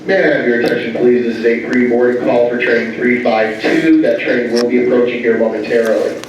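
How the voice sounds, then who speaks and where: A man's voice: medium pitch, a little fast. Man announcing over an echoing station PA. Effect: over a PA loudspeaker. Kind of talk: formal boarding announcement. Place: train station. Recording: echoey distant station loudspeaker with faint noise.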